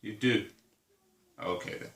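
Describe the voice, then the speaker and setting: A teacher talks a little slowly and a bit brightly, patiently leading a young child through counting with simple, repeated questions. It's a one-to-one early maths lesson with counting aloud, recorded in an echoey room.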